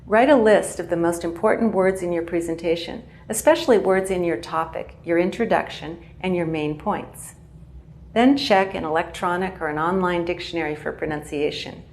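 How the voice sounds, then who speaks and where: Low, gravelly-voiced woman teaching. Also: a little mellow. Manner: clear, measured explaining. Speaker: English teacher. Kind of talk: pronunciation lesson.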